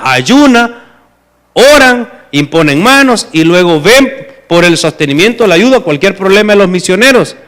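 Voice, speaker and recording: Male preacher, Salvadoran accent, higher pitch, emphatic sermon delivery. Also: fairly bright tone. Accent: Salvadoran Spanish. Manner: emphatic, asks the listeners rhetorical questions.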